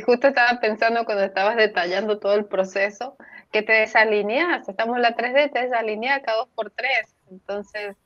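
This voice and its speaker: A woman's voice: medium pitch, a bit bright, no echo, highs cut off. A woman co-host speaking in a reflective way who stumbles over her words now and then. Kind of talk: casual chat.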